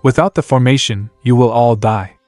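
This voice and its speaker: A boastful, commanding giant warrior from a fantasy story, as a male narrator reads him. His voice sounds dry and close, with faint music behind it. He speaks at an ordinary middle pitch. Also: fairly even intonation, normal speed, darkish tone, dry recording, lightly acted. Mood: confident. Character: arrogant giant warrior cultivator, male young adult.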